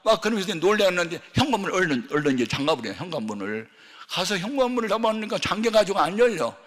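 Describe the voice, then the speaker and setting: An older man preaching a sermon as a pastor, telling a story with lively acted-out voices and sudden shouts. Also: high voice, fast talker. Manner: animated, acts out dialogue, shouts at peaks. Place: large church hall. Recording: long hall reverb.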